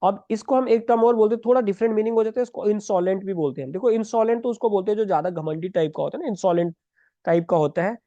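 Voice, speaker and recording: Man, high pitched, mellow tone, patient step-by-step vocabulary lesson, dry muffled sound. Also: very fast, few pauses, dry recording. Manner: explains step by step, often asks "है ना", writing words as he talks. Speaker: English vocabulary teacher. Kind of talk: exam-prep vocabulary lesson.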